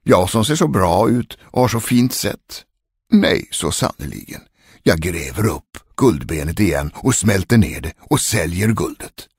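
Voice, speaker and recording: A man's voice: sits low, gravelly, darkish tone, slightly rough, no room sound, clean studio sound, heavily acted. A man doing a vain cowardly young valet. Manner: preening, then trembling.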